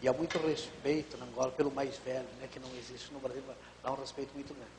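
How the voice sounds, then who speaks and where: A man in his fifties, a pastor, explaining calmly on a live TV talk show. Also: mid-range voice, fast talker, in a large hall, a little hiss or hum, poor audio.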